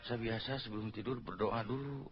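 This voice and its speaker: A man's voice: medium pitch, fairly quick, muffled recording, very noisy. A Sundanese man in a comedy sketch, playing a hesitant, rambling simpleton. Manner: dim-witted, rambling, hesitant.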